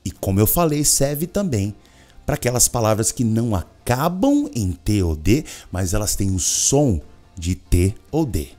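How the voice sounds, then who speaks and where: Lively Brazilian man teaching English. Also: lowish voice, a little slow, faint music behind. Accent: Brazilian Portuguese. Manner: animated, drills words by repeating them. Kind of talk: energetic video lesson.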